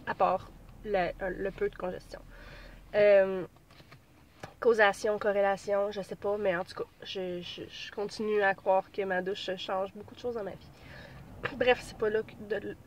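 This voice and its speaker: A pregnancy vlogger in her thirties with a Québécois French accent chats casually to camera from her car while sick with a cold, rambling with many fillers. Her voice is medium-pitched, the audio dull, with slight background noise.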